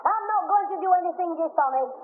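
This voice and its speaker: A very high, piping voice of a cocky little schoolboy, full of wisecracks and sly bargaining. It comes through an old, tinny radio recording with a thin, narrow sound and a steady hiss behind it. The delivery is classic vintage radio sitcom acting. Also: male voice, quick pace. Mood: cheeky. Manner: cocky wisecracks, tags words with "-wise". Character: cheeky, scheming little schoolboy. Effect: old scratchy radio broadcast recording.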